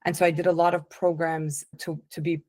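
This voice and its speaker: A woman coach telling her life story as a podcast guest, in a relaxed, conversational way with frequent restarts. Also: lowish voice, fairly quick. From born in the United States, raised in Italy and Canada. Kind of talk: casual interview chat.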